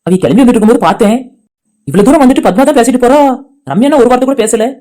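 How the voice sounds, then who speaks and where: A man's voice: very high voice, expressive, rapid-fire, dark tone. A man voicing a caring middle-aged uncle who coaxes his son-in-law to talk. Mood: concerned. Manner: coaxing, concerned. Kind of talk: amateur cartoon voice acting.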